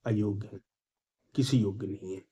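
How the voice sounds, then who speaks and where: A man's voice: fairly low pitch, steady tone, moderate pace, mellow, breathy edge. A male teacher giving an exam-prep grammar lesson, asking and answering his own questions and repeating key points with emphasis.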